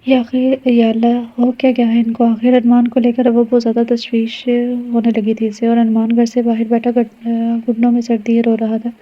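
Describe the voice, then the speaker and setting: A woman reads a romance novel aloud in a slightly high voice with almost no rise and fall. Her delivery stays steady and even throughout. The recording is dull and lo-fi. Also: hardly any pauses. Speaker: audio novel narrator.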